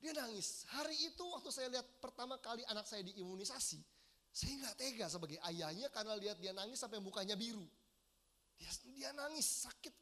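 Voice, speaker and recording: High-voiced bright male preacher. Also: expressive, brisk. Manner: earnest, addresses congregation directly with questions. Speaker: pastor. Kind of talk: sermon. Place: large church hall.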